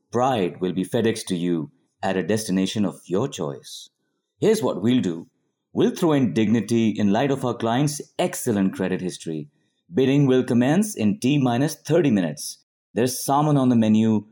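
A man's voice: fairly low pitch, dark tone. A man performing a spoken word poem as rhythmic, rhyming auctioneer patter. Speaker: poet.

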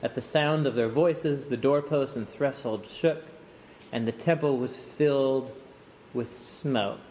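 A man teaching an informal lecture on scripture, animated and often chuckling, thinking aloud with restarts. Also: medium pitch, takes it slowly, slight background noise. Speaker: Bible teacher.

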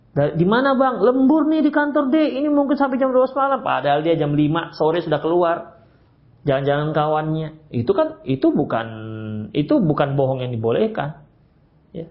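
A middle-aged man giving a lively, conversational Islamic study lecture with playful asides. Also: medium pitch. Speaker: Islamic preacher. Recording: dull lo-fi studio recording.

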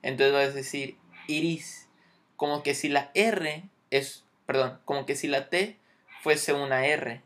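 A man's voice: a little high, measured pace, a bit bright. A man teaching English grammar, explaining patiently and checking in often.

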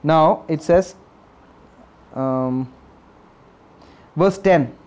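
A man's voice: fairly high pitch, drawn-out words, darkish tone. A man preaching a sermon as a pastor, emphatic and repetitive, reading scripture aloud and asking the congregation questions. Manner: emphatic, repeats key phrases, reads scripture aloud.

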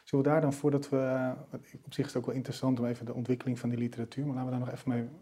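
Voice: medium pitch, flat delivery, rapid-fire, mellow, slight background noise. An interviewer guiding a conversation, hesitant and full of restarts as they steer the topic.

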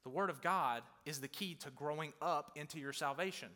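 A man in his thirties, a pastor giving a sermon in a conversational way, growing loud and intense on key points. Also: fairly high pitch, fairly quick. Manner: conversational preaching, swelling loud on emphasis. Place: large church hall. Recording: long hall reverb.

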